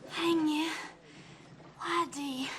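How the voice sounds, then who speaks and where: An actress playing a sick, feverish young frontier woman, talking slowly and faintly. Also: sits high. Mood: weak. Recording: film soundtrack with steady noise.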